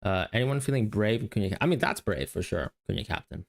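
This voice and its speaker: Low-voiced man rambling through analysis. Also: animated, fast, gravelly. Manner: rambling, self-correcting, thinking aloud. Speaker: podcast co-host. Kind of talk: casual analytical chat.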